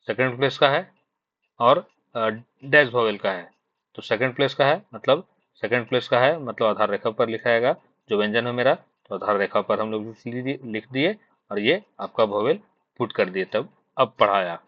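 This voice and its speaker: This Jharkhand man, speaking Hindi-accented, teaches shorthand online for exam preparation at a regular pitch. Patient and repetitive, he revisits each point, leans on fillers, and checks in with "thik hai." The dry recording captures a close voice with a slightly dull, muffled tone.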